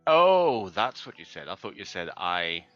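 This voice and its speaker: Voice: sits low, big pitch swings, a little slow, a bit bright, no room sound, highs cut off, faint music behind. A player at a tabletop game, teasing and wry in casual chat.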